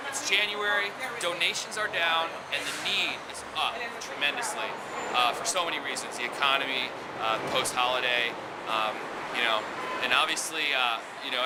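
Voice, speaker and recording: Relaxed man talking over loud street noise. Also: fairly high pitch. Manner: relaxed, with many fillers. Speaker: guest, nightclub owner. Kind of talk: casual vlog narration. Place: outside on a city street.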